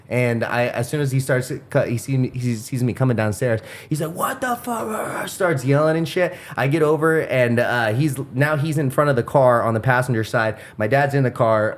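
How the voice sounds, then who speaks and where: A man hosting a podcast, telling a long, rambling, profane story in casual chat. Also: mid-range voice. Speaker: podcast host.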